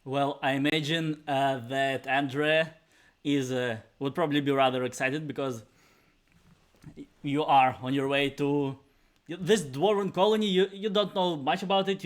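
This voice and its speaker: A man's voice: mid-range voice, smooth. A man narrating as game master, hesitant and heavy on fillers.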